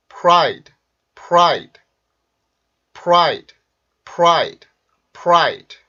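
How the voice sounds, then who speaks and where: A man teaching English pronunciation in a video lesson, explaining sounds and drilling example words in a clear, punchy way. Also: on the high side, fairly bright tone. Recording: dull lo-fi recording.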